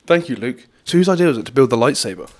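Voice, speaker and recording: A man's voice: medium pitch, animated, rapid-fire, darkish tone, natural voice. A young man playing an eager TV field reporter, interviewing on a handheld microphone in a spoof. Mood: inquisitive. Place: conservatory.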